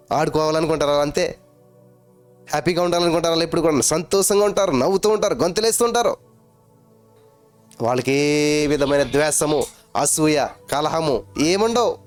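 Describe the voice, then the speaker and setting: A man's voice: on the high side, animated, fairly quick, long pauses, soft background music. A man preaching a sermon as pastor, emphatic, repeating his phrases and firing rhetorical questions at his listeners.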